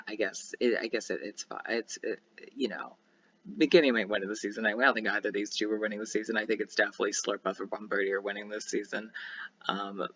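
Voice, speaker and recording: A young man casually commentating a game he plays, chatty and excitable, with many ums and restarts. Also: lowish voice, highs cut off. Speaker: gaming YouTuber.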